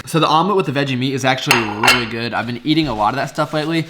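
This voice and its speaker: Loud music plays behind a young man racing through his words in a mid-range voice. A fitness and cooking vlogger, he chats casually with his audience, upbeat and smiley, rambling through his opinions and often restarting sentences.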